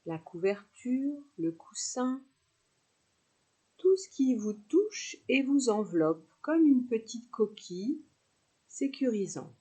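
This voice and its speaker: Speaking at a very slow pace, a woman guides a relaxation meditation and leaves pauses between instructions. Her mellow, husky voice sits on the high side and has a sing-song, soothing, unhurried delivery that suits a yoga nidra class.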